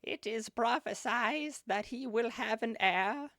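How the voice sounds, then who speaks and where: A man voicing a toothless old female hag who speaks prophecy bluntly, in a high, slow crone voice. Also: pushed and bright, no echo, clean studio sound, heavily acted. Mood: prophetic.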